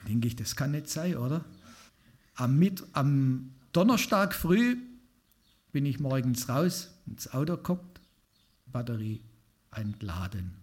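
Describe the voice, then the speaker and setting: A man's voice: medium pitch, lively intonation, slow pace, pauses often, a little mellow, slightly rough. A man preaching an informal sermon to a congregation, talking conversationally and putting questions to his listeners. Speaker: lay preacher.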